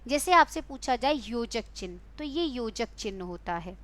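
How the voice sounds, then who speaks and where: A young woman with a high, bright voice leads an online exam-prep class. She quizzes her students one question at a time and coaxes them along with a fond, teacherly warmth. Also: lively intonation, moderate pace. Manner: coaxing, quizzing students and calling them beta. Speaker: Hindi teacher.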